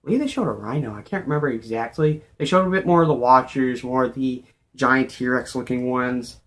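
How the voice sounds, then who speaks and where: A man's voice: medium pitch, fairly quick. A man giving casual, unscripted video game commentary as a vlogger, in an overexcited, gushing way, often repeating himself.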